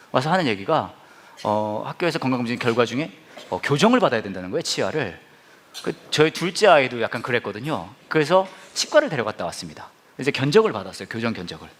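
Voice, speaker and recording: Male pastor, 40s; expressive sermon storyteller, bouncy lively intonation. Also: medium pitch, a little hiss or hum. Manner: animated, acts out his own reactions and prayers.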